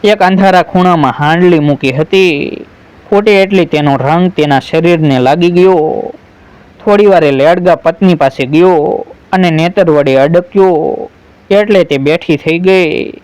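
A man narrating a folk tale in an unhurried storytelling manner, reading every character's lines in his own voice. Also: fairly high pitch, a little mellow, clear, resonant tone, no echo.

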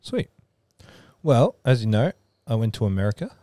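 A man hosting a podcast, explaining things in a relaxed way. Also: medium pitch, moderate pace, dry recording, clean studio sound. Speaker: podcast host. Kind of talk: casual chat.

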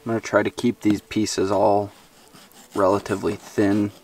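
A man's voice: fairly low pitch, little pitch movement, moderate pace, darkish tone. A young man talking casually while cleaning and cooking fish outdoors, thinking aloud with plenty of fillers and self-deprecating asides. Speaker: fishing vlogger. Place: outdoors by a forest lake. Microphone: camera mic, handheld and ground-mounted. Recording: outdoor camera audio from a distance.

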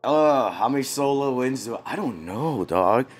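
A man's voice: mid-range voice, lively intonation, moderate pace, husky, faint music behind. A man streaming a game, chatting casually and slangily with his viewers in a laid-back way. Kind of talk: casual livestream chat.

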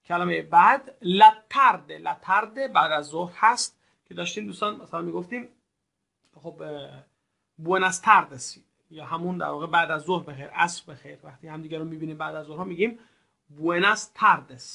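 Male language teacher, higher pitch, courteous and formal, slow deliberate model words for repetition. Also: gravelly, pushed and bright. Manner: polite, formal address to learners. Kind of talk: recorded language lesson.

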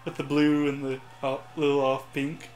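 A man's voice: a little high, flat delivery, normal speed, a little mellow, echoey room, soft background music. A man joking and mocking himself while playing a racing game in casual chat. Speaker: gameplay commentator.

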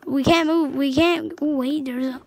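A woman giving excitable let's play commentary over a game, yelping at scares and dropping into hushed whispers. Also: sits high, normal speed, slight background noise, low-quality recording. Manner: excitable, swings between yelps and hushed whispers. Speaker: gameplay commentator. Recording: game music playing clearly behind the voice.

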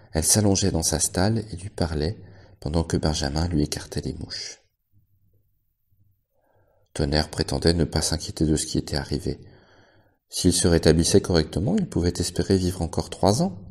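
A male librarian reading a novel aloud in steady, measured narration. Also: low-pitched. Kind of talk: audiobook narration.

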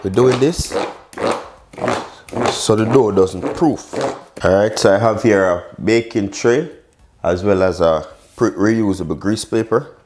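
A chef in his thirties hosts a cooking show from a modern indoor home kitchen, walking viewers through a recipe step by step in a casual, chatty way with short exclamations. His low voice is unhurried and a little mellow, with long pauses, and there's noticeable background noise.

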